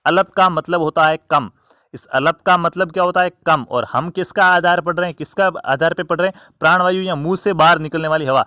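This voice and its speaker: A man's voice: a little high, bright, forceful tone, no echo, clean studio sound. A man teaching a lesson, asking questions and answering them himself, repeating key terms and stretching them out for emphasis. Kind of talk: classroom lesson on grammar.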